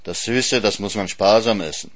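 A man's voice: fairly low pitch, normal speed, no echo, natural voice. A man reading a story voices a sly hare who teases and tricks a hyena. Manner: teasing, smug, sly.

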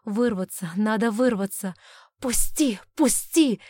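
A woman voicing a young heroine under magical compulsion, shouting desperately. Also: mid-range voice, measured pace, lightly acted. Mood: frantic.

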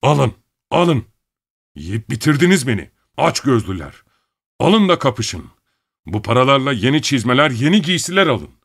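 A man voicing a furious, tyrannical middle-aged father who shouts and rants bitterly at his family. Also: mid-range voice, very animated, moderate pace, gravelly, husky, no echo, studio quality, voice pushed up, exaggerated voice. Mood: raging. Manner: bellowing, bitter, ranting.

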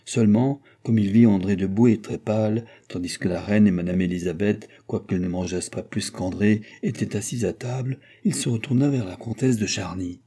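A man reading a classic novel aloud as a narrator, with measured, even storytelling. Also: on the low side, slightly rough. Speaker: audiobook narrator. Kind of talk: scripted narration.

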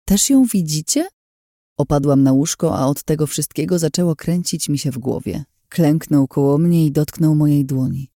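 A man reads a novel aloud in a steady, measured way, his voice very dark and mellow. He sits a touch high for a man, and the recording is close and completely dry. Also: dry recording. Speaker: audiobook narrator. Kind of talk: scripted first-person narration.

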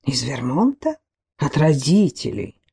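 A meek, bespectacled man, as a female narrator plays him, mumbling in a low, hushed voice in a storybook reading. His lines fall well below the reader's usual pitch and come out quiet and slow, with a dark, mellow tone. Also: big pitch swings, slightly rough, exaggerated voice. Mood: subdued. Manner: muttering, subdued.

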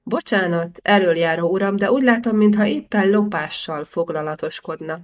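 A woman's voice: mid-range voice, natural voice. A woman reading the lines of a bold young man who angrily rebukes a cheating official. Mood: indignant. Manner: cutting, righteous rebuke.

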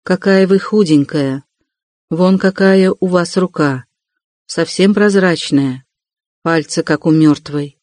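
A man's voice: fairly high pitch, slow pace, darkish tone, no echo. Man reading a brooding, curt young man. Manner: curt, clipped questions. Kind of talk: audiobook reading.

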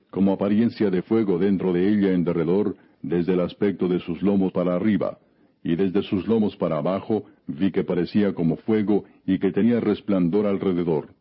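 A man with a deep, somewhat raspy voice narrates scripture. His reading is scripted, measured and solemn throughout. The recording sounds dull and lo-fi. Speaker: Bible narrator. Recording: dull, lo-fi audio.

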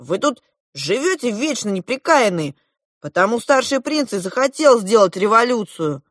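A woman reading a storybook aloud and voicing a jealous, hot-tempered boy who shouts his retorts. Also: fairly high pitch, big pitch swings, normal speed, dry recording, clean studio sound, voice pushed up. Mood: angry.

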